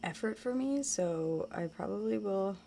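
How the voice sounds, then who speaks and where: A woman chatting casually while she plays a game, rambling on and trailing off into quiet mutters as she focuses. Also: mid-range voice, expressive, unhurried, gravelly, slight background noise. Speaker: game streamer.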